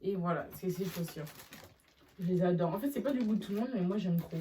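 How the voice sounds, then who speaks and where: Young female vlogger, lively and chatty, slightly low voice, sits back from the mic. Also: fairly quick, distant mic, slight background noise. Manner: chatty and animated, with slangy asides. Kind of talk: casual haul video chat.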